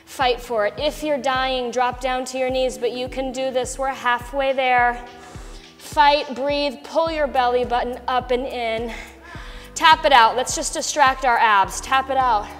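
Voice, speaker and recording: A woman fitness instructor with a fairly high voice delivers a rousing pep talk over clearly audible music. She pushes with short commands and counts while working out herself, urging everyone on. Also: steady tone, measured pace, fairly bright tone, in a large hall. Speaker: fitness instructor leading a workout. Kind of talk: motivational pep-talk coaching during exercise. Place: large bright loft studio, indoors. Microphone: body-worn wireless mic.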